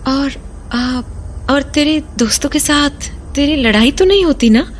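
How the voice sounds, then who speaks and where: A woman voicing a caring, worried mother in an animated story who often stammers anxiously. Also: sits high, measured pace, a little hiss or hum. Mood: gentle.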